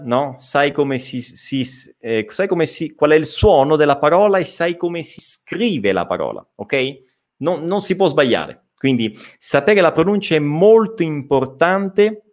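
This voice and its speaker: Lively Italian man teaching pronunciation. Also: a little high. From Italy. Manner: explanatory, repeats words slowly, reads chat questions. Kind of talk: live online lesson.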